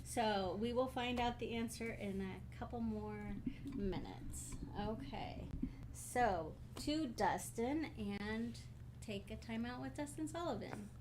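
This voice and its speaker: A woman with a fairly high voice reads the podcast introduction and then chats along, laughing easily. Faint noise runs under her voice. She keeps things moving between the guests. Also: slow. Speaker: podcast co-host. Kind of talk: scripted introduction and casual chat.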